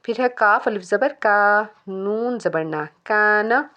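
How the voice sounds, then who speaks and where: Woman teaching Quran recitation slowly. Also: mid-range voice, a bit bright, dull audio. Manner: spells out letters and vowels slowly, then recites phrases drawn out. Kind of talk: step-by-step recitation lesson.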